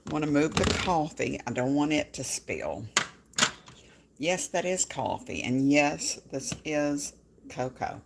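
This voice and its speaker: Slow, gravelly-voiced home cook. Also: medium pitch, noisy background. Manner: chatty, folksy, talks straight to viewers. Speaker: home cooking vlogger. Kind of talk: casual cooking demonstration.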